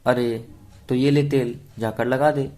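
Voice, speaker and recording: A nosy, affectionate old grandmother who loves to tease, voiced by a male storyteller. Her voice is lifted and louder than his own, fitting a storybook read-aloud. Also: mid-range voice, steady tone, measured pace, close to an everyday voice. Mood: teasing. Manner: teasing, doting.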